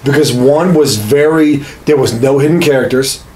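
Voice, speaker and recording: A man in his thirties co-hosts a podcast, chatting casually about video games while swearing freely and insisting on his point in an argumentative way. His mid-range voice has a darkish tone and moderate pace. The small home studio room sounds roomy and echoing.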